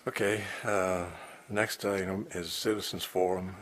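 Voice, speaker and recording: A man chairing a town board meeting as mayor, reading agenda items and minutes in a flat, procedural manner. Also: low voice, a little slow. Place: public meeting room.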